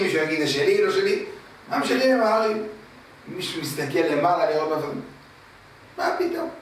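A man preaching, telling a parable in a lively storytelling manner that repeats words for effect. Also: a little high, a little hiss or hum. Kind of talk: religious storytelling sermon. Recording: very echoey room from a distant mic.

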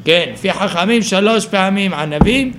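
A man's voice: high-pitched, a crowd in the background. A man teaching a Talmud study class, explaining the text aloud and thinking it through with self-corrections.

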